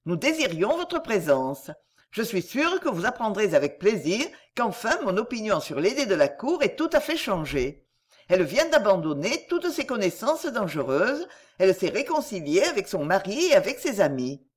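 A woman reading the lines of a gracious, gently formal elderly aunt in an audiobook. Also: mid-range voice, big pitch swings. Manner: courteous, measured.

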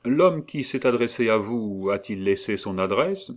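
A man voicing an anxious, hurried young man who speaks in terse, urgent phrases. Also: fairly low pitch, lively intonation.

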